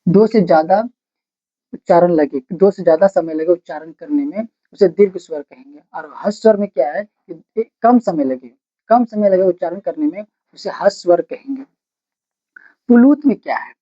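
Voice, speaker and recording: A patient classroom voice spells out grammar definitions slowly, breaking each sentence into single words so that students can copy them down. The tone is dark and mellow. The sound is dull and lo-fi, like a cheap phone recording. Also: medium pitch. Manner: asks questions and answers them itself. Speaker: Hindi grammar teacher. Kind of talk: blackboard-style grammar lesson, dictating notes.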